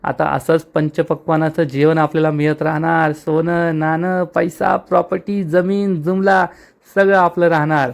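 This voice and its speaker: A man's voice: a little high, level tone, measured pace, vocal fry. Brief: a man doing a smug, boastful young woman in a storybook recap.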